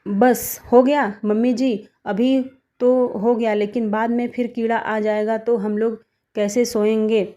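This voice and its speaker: Woman doing a worried young daughter-in-law in a cartoon, pleading and fretful, mellow tone. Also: on the high side, flat delivery, measured pace, natural voice.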